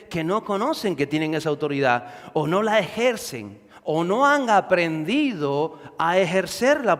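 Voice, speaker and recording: Man, pastor, sermon, fairly high voice, long hall reverb. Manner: conversational, rhetorical questions, repetition.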